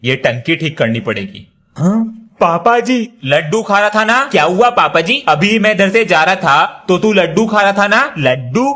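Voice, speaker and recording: A man's voice: high-pitched, animated, normal speed, bright, forceful tone. A young man acting out comic skits, switching between a playful child voice and scolding elders.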